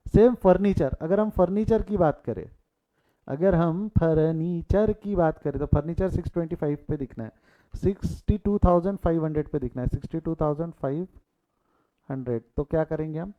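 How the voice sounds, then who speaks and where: A man's voice: on the high side, normal speed. A man teaching accounting in a live online class, repeating key figures and urging students to answer in the chat. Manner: mixes English terms, repeats key figures, urges students to reply in chat. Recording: tinny phone-like audio.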